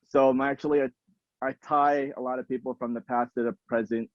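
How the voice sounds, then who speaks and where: A middle-aged man introducing himself on a video call, a little awkward and halting. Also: medium pitch, fairly even intonation, dry recording. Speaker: alumni guest. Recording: dry, muffled video call audio.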